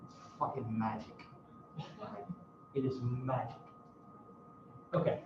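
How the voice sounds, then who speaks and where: A man's voice: medium pitch, level tone, slow pace, background noise. A man lecturing a university class in a casual, self-mocking way, swearing now and then. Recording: roomy, distant, dull classroom recording.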